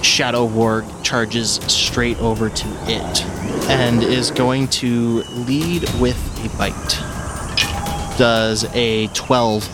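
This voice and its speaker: A man's voice: medium pitch, steady tone, very slow. A man narrating a tabletop game as game master. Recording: clear rain noise behind.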